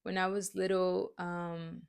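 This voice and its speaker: A woman's voice: fairly low pitch, little pitch movement, slow, gravelly, clean tone. A woman speaking openly in a personal faith talk, rambling and confessional, often checking in with "right?". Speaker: faith vlogger.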